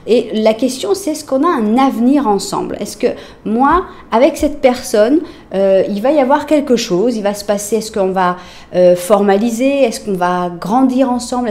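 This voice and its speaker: A woman with a French accent doing a casual tarot reading, talking straight to her viewers with lots of fillers and often dropping to a soft murmur as she lays out cards. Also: medium pitch. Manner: chatty, addresses viewers directly, many fillers. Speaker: tarot reader.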